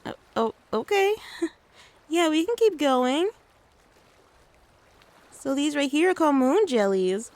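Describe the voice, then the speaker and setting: A woman playing a gentle, doting mother in a soft-spoken ASMR role-play, soothing and coaxing as she talks to the listener like a small child. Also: sits high, very animated, slow pace, pauses often, full character voice. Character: gentle doting mother taking her little one out. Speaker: ASMR creator.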